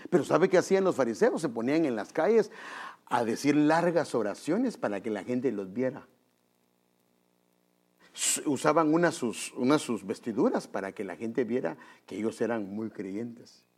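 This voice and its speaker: A man preaching in with a slightly husky voice. His pitch swings widely as he talks straight to the congregation, calling them brothers. He acts out little scenes as he goes. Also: moderate pace. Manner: animated, acts out quotes in high voices; conversational, addresses listeners as brother. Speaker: pastor. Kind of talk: preaching a sermon.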